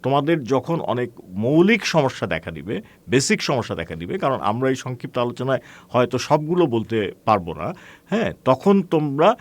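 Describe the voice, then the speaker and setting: A man teaching an online class, explaining in a measured way with frequent hesitations, asking rhetorical questions and calling his students friends. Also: mid-range voice, big pitch swings. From Bangladesh.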